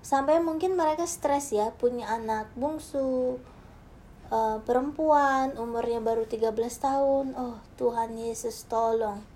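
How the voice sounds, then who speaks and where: A woman preacher giving a sermon with a personal testimony, speaking straight to the congregation and moving between hushed, soft passages and loud, emphatic ones. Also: on the high side, measured pace, a little hiss or hum.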